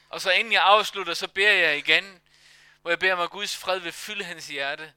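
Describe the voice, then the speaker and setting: A man, a pastor, telling a faith story in a sermon, with halting, emotional storytelling. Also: sits high, bright, forceful tone, smooth, no room sound. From Denmark. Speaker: pastor and massage therapist. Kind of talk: sermon testimony.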